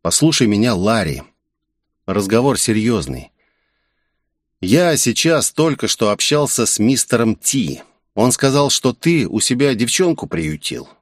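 A man's voice: mid-range voice, sing-song, measured pace, no echo, studio quality, pitched above the performer's own voice. A man voicing a serious young man with secret powers who speaks firmly and earnestly. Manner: firm, earnest, persuasive.

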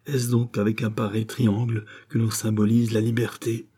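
A man's voice: lowish voice, level tone, moderate pace, mellow, breathy edge. A man reading aloud voices an anguished, idealistic doctor who exclaims in raised cries. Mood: sorrowful.

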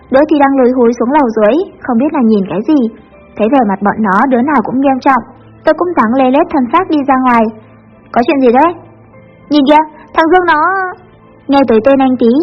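High-voiced, fast-talking woman narrating a story. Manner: lively, chatty storytelling. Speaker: audiobook narrator. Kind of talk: first-person story narration. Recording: muffled with soft background music.

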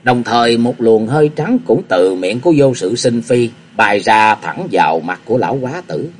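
A man narrates a wuxia novel aloud in the manner of an audiobook. His reading is steady yet expressive, and his husky voice rises and falls in a lively way. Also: mid-range voice, moderate pace. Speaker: storyteller.

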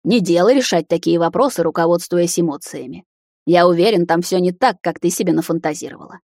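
A woman voicing a calm older male vampire uncle who tries to soothe and reason. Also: on the low side, a little fast, no echo, studio quality.

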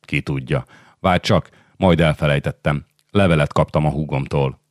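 A man voicing the sultan's kind favourite wife, speaking in a hushed, confiding way. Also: a bass voice, dry recording, clean studio sound.

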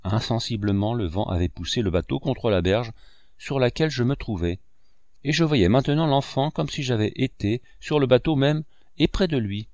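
A man narrating a classic novel in a measured storytelling manner. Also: medium pitch, a little mellow, dry recording, studio quality. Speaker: audiobook narrator.

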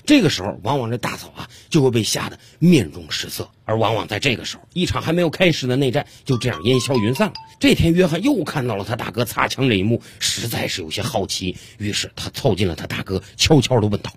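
Animated male comedy storyteller. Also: medium pitch, fast, hardly any pauses, soft background music. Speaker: comedy narrator. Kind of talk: scripted radio comedy narration.

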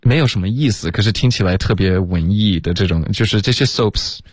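Brief: male radio tutor, deep voice, dry studio sound, slow drilled phrases with frequent OKs. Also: husky, no echo. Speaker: English pronunciation teacher. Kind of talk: radio English lesson, mixing Chinese and English.

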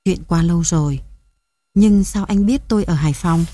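A woman's voice: lowish voice, moderate pace, mellow, dry recording, close to an everyday voice. A woman reading the part of a young married woman who speaks politely but guardedly.

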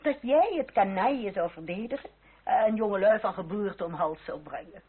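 A middle-aged actress plays an anxious, motherly French aristocratic lady in a period radio drama, her style emotional and genteel, her mood pleading. Her medium-pitched voice is animated with a breathy edge at normal speed. The old radio play recording is tinny and noisy.

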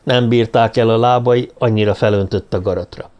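A man voicing a gruff, resentful police constable in an audiobook, defensive and slow to answer. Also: on the low side, fairly even intonation, darkish tone, dull audio, lightly acted. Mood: mocking. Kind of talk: audiobook character voice.

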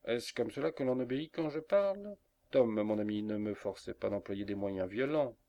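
Storybook figure: commanding, theatrical bear keeper, higher than the narrator, acted by a man. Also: moderate pace, warm tone, muffled recording, close to an everyday voice. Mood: scolding. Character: bossy jovial man, bear's keeper.

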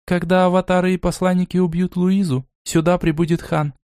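A man voicing a weary, evasive female elf captive in a raised, soft, tired voice. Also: high voice, little pitch movement, a little fast, clear, resonant tone, no echo, clean studio sound, pitched above the performer's own voice, lightly acted.

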